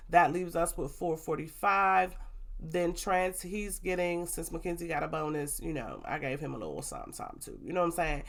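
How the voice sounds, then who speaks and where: A woman's voice: low-pitched, animated, a little fast, vocal fry. A woman, congested, chatting casually to viewers as she walks through her budget. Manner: chatty, addresses viewers as y'all and baby. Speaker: budgeting vlogger.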